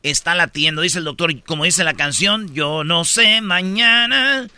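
A man's voice: on the high side, a little slow, sharp tone, clean tone, no echo, clean studio sound. A man with a Mexican accent hosts a radio comedy show, delivering a boisterous, slangy run of jokey news. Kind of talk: comic news rundown.

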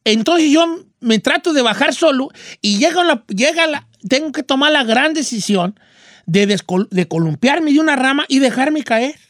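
In a very high, expressive voice at a moderate pace, a radio host puts on a folksy old rancher character with a Mexican accent. His fairly bright tone comes through a dry, studio-quality recording as he tells a rambling story full of rural slang and gives advice on a call-in show.

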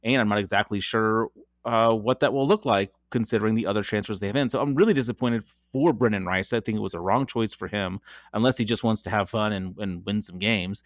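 A man's voice: lowish voice, fairly quick, no room sound, studio quality. A man co-hosting a podcast, chatting casually about football with frequent ums and restarts. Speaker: podcast co-host. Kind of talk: casual sports chat.

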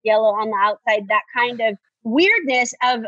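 Higher husky woman guest, reflective, dry lo-fi audio. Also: expressive, normal speed, bright, forceful tone, no room sound. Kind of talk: casual conversation. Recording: dry, muffled lo-fi sound.

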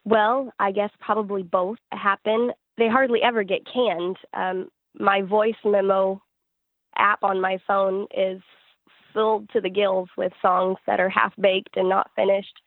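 Unhurried and conversational, a woman answers interview questions about being a singer-songwriter, keeping her pitch level throughout. Her audio is narrow and phone-like, dry, with no room sound.

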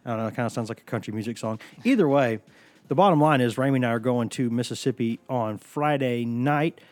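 Talking fast with a cold, the host of a casual sports podcast rambles, jokes and tells stories from his studio. His voice is medium-pitched and darkish, and the recording is dry.

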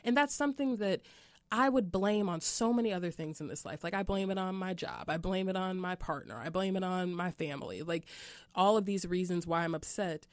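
A woman's voice: on the low side, a little fast, dry recording, clean studio sound. A yoga teacher and author, a woman, speaking candidly and emotionally in a conversational interview, laughing now and then as she talks.

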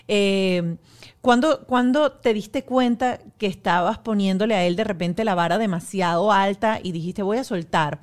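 A woman hosting an interview at home, backing her guest with short replies and asking long, reflective questions. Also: medium pitch. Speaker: podcast host. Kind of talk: warm interview chat. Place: home pantry.

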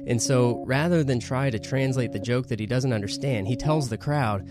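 A man co-hosting a podcast, casually retelling a story in a relaxed, chatty way. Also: medium pitch, normal speed, over music. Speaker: podcast co-host.

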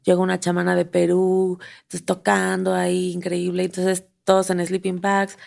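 A Mexican woman in her thirties, a comedian telling stories as a podcast guest, animated and often acting out what people said. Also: on the low side, moderate pace, vocal fry. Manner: animated storyteller, acts out quotes, laughs often. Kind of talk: casual storytelling interview.

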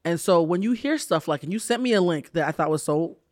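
A man hosting a casual interview, expressive and gushing, laughing often with his guest. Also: a little high, quick pace, no room sound, clean studio sound. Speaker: podcast host.

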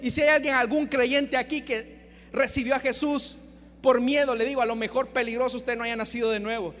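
Male preacher, very high voice, fiery sermon at a church service with long hall echo, flips between shouting and near-hush. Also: steady tone, fairly quick. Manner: impassioned, swings between shouted emphasis and hushed appeals.

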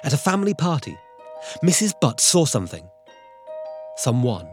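Lively male documentary narrator. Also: mid-range voice, moderate pace, music in the background. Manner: dramatic, suspenseful delivery.

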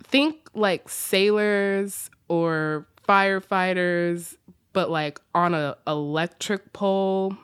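Animated Southern woman podcast host. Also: on the low side, takes it slowly, clear, resonant tone. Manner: animated, joking asides, laughs often. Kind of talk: casual podcast chat.

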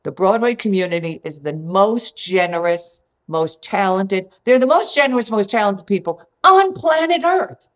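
A woman talking as a podcast guest, warm and effusive. She leans hard into her praise and says her points twice for emphasis. Her voice sits at an ordinary middle pitch. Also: normal speed. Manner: animated and effusive, repeats herself for emphasis. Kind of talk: conversational storytelling.

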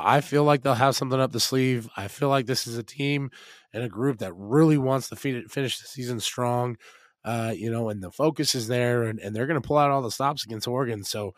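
An American man speaks in a hoarse, raspy voice, as if he has been smoking. He talks sports casually and emphatically, working out his thoughts as he goes. The sound is dry, with hardly any room to it. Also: medium pitch, fairly bright tone, dry recording. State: hoarse, smoky rasp from being out in the cold. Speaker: sports podcast co-host and football analyst.

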